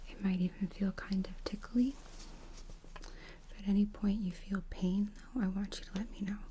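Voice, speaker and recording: A woman in a whispered role-play as an ear clinician, speaking close as if right in the listener's ear, gently explaining and reassuring. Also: medium pitch, fairly even intonation, normal speed, slight background noise, low-quality recording. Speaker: ASMR performer playing an ear clinician.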